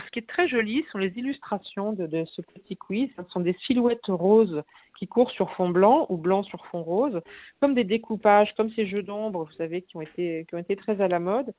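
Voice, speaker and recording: Calling in to a radio show, a woman who reviews and blogs about books talks casually, full of fillers and false starts. Her voice is medium-pitched, and the phone-line recording sounds dry.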